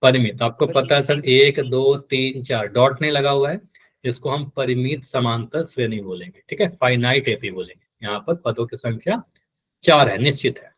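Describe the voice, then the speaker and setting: A man's voice: medium pitch, normal speed, fairly bright tone. Patient teacher quizzing his class. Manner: patient, repeats key terms and quizzes students. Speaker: math teacher. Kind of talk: live online class.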